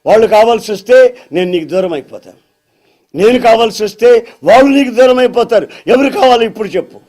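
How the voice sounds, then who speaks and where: A man's voice: high-pitched, lively intonation, moderate pace, warm tone, breathy edge. A man preacher voicing a compassionate male savior who questions and urges a troubled man in a sermon story. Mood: urgent. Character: compassionate adult male savior, gently challenging.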